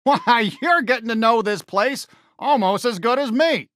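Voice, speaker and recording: Cheerful cowboy toy sheriff, American drawl, bright forceful tone, eager, folksy, dry close studio sound, video game character. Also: male voice, very high-pitched, animated, a little slow, no echo, full character voice. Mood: warm, cheerful. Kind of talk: animated game voice lines.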